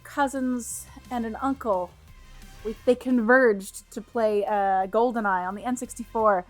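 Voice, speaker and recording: A woman livestreaming a game and chatting with viewers in a bubbly, cutesy, playful and expressive way. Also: a little high, a little slow. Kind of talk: livestream chat while playing a game. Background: game music.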